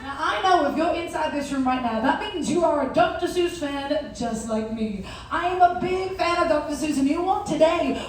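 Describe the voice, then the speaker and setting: Very high-voiced woman hosting in an echoey theatre. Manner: animated, addresses children in the audience with questions and prompts. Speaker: cruise director hosting a story time. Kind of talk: interactive children's stage hosting. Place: indoor theatre on a cruise ship. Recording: very echoey theatre, distant mic, faint noise.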